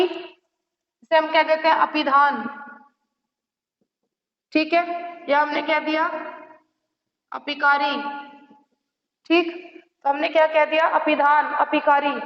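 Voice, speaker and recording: A woman with a high voice teaches an online exam-prep class, mixing English phrases into her explanations and checking in with the students after nearly every point. The recording is dull and lo-fi, and her voice rings in an echoey room with a long tail of reverb. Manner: mixes English phrases, repeats "theek hai" and "right?"; gives advice directly to students. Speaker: Hindi teacher.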